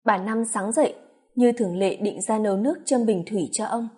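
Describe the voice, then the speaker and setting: A woman narrating a dramatic family story in a steady storytelling manner. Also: mid-range voice, fairly quick, breathy edge. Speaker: audiobook narrator.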